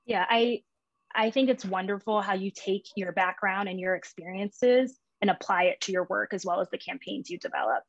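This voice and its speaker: A woman hosting a professional panel chat, polished and reading from prepared notes. Her voice sits at a middle pitch and comes through dull and lo-fi. The sound is close and dry, with no room around it. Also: moderate pace, gravelly, dry recording. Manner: polished, reads prepared introductions with occasional fillers. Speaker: moderator.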